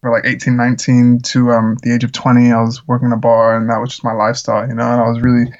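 With a monotone, mid-range voice, a Czech-raised musician talks fast in a casual interview, earnest but rambling and full of fillers. The audio is lo-fi.

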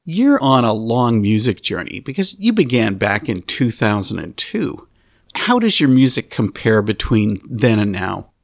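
A man hosting a music talk show, giving scripted introductions and asking interview questions in a measured presenter's manner. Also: fairly low pitch, sing-song, vocal fry, dry recording, clean studio sound. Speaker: radio show host.

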